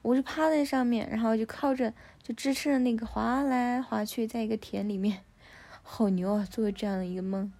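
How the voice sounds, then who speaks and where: Chatty woman with a gravelly, warm voice. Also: a little high, fairly even intonation, fairly quick. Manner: chatty, often asks the listener "you know?". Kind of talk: casual storytelling chat.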